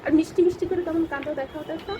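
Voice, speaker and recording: A woman's voice: very high voice, rapid-fire. A young mother filming her toddler on a phone at home, speaking in coaxing, playful baby talk and repeating her pleas. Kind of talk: casual home video with a toddler. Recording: noisy home video with traffic hum.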